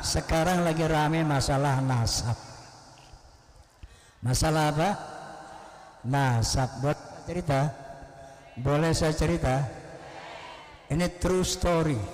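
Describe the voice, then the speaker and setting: A man, preaching a lively sermon in a mosque and breaking into chanted Arabic recitation. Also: on the high side. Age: 70s. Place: mosque prayer hall. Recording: roomy hall with long echo.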